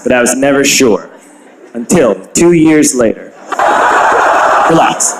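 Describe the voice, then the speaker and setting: Animated man shouting punchlines. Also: mid-range voice, takes it slowly, gravelly, reverberant, some chatter behind, rough recording. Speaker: comedian telling a story. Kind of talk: comedic storytelling.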